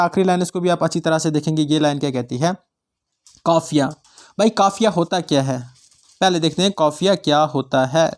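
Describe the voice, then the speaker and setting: On an online class channel, this Jammu and Kashmir man runs an exam-prep grammar lesson in a high-pitched voice with a darkish tone. Definitions get repeated for memorization, and he often poses check questions to the students.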